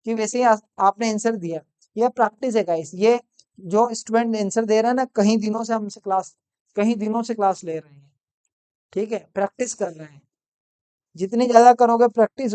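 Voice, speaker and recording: A man leading a live English lesson on his phone, with a smooth, resonant voice. He repeats each sentence slowly several times. Between sentences he calls out students by name and praises their answers. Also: high-pitched. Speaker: English teacher. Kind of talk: live online class. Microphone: mobile phone.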